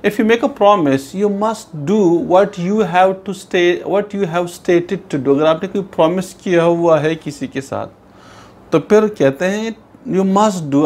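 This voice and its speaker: A man teaching an English lesson, reading English slowly and explaining in Urdu-Hindi to his pupils. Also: high-pitched, lively intonation, a little mellow. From Pakistan. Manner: addresses pupils as "beta", repeats "theek hai". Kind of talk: bilingual classroom lesson.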